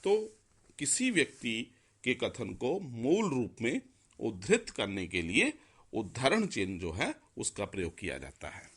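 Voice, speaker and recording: Male teacher, unhurried and methodical, spells words out step by step; lively intonation. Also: medium pitch, husky. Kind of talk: explaining a Hindi grammar lesson.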